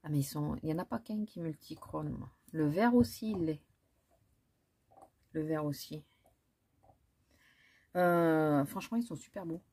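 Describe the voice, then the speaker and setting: A woman's voice: low voice, a little slow, long pauses, mellow, husky. A woman, chatting casually through a makeup haul with many fillers and restarts. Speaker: beauty vlogger. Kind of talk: casual haul chat with swatches.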